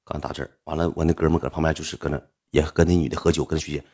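A young man's very deep voice races through a relaxed, lively story as he plays the people in it, his speech carrying a Northeastern Mandarin accent.

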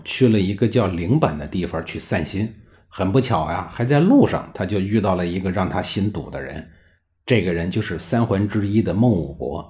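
A man tells history in a low, dark voice with a chatty, colloquial flow. His pitch moves a lot, rising and falling from phrase to phrase. Warm, drawn-out particles keep the telling relaxed. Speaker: history podcast narrator. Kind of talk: storytelling narration.

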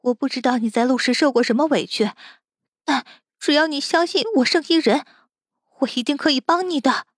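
A woman's voice: high-pitched, moderate pace, few pauses, no echo, clean studio sound, voice pushed up, close to an everyday voice. A woman voicing a frightened young woman held captive, pleading desperately.

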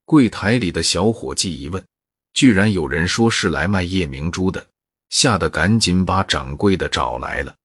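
A man narrating a folk tale in a steady, even storytelling manner. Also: low voice, moderate pace, slightly rough, no echo, clean studio sound.

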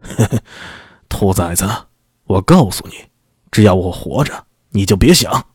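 A man voicing a proud, furious middle-aged father who blusters and makes gruff threats in a lowered voice. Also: animated, a little slow, darkish tone, no echo, clean studio sound, heavily acted.

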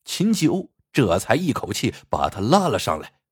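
Guy narrating an old folk story, husky voice, real dry close sound. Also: medium pitch, moderate pace, dry recording. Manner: lively, expressive storytelling. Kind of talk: scripted folk tale narration.

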